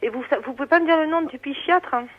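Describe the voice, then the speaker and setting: A woman's voice: high-pitched, quick pace. A woman answering a prank phone call, polite and bemused, laughing along. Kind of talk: phone conversation. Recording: dull phone call on old radio recording.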